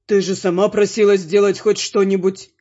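A woman voicing a calm, detached demon man. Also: medium pitch, normal speed, breathy edge, lightly acted. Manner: unperturbed, flat, commanding. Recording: muffled lo-fi recording.

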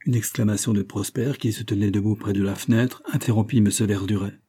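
Brief: male narrator for a read-aloud novel, deep dark timbre, measured delivery. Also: fairly even intonation, breathy edge. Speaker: audiobook reader. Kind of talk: reading a classic novel aloud.

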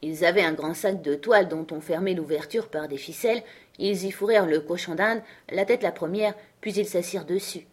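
A woman reading a storybook aloud as audiobook narrator, in a steady, even style. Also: fairly low pitch, fairly quick, slightly rough. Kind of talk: scripted narration.

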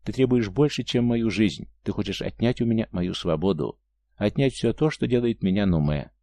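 A man's voice: fairly low pitch, normal speed, mellow, dry recording, natural voice. A man voicing a tender, proud, free-spirited Martian woman in an audiobook, speaking earnestly. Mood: pleading.

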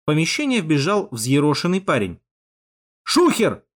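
A man narrating a first-person audiobook in an expressive storytelling manner. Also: mid-range voice, normal speed.

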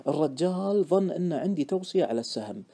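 Telling the story as "I," this male audiobook narrator has a dark, mellow timbre that sits on the high side with a creaky edge. His scripted narration moves quickly and expressively, its pitch rising and falling with animation.

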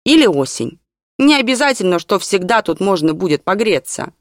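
An audiobook reader voicing a lively, playful young girl. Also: medium pitch, normal speed, dry recording, studio quality, voice pushed up.

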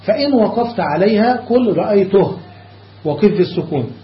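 A man teaching a classical grammar lesson, explaining each rule step by step, checking that his students follow, and slowing down on examples. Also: sits high, animated. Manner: slows down on examples. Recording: echoey lo-fi room recording.

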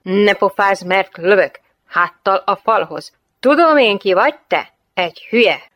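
A woman voicing a nervous young male guard who shouts his orders. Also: mid-range voice, dry recording, natural voice. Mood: barking.

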